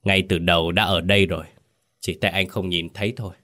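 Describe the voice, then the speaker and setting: A man voicing a calm, blind young female spirit medium in a ghost story, speaking coolly and matter-of-factly. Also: sits low. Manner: cool, unhurried, matter-of-fact.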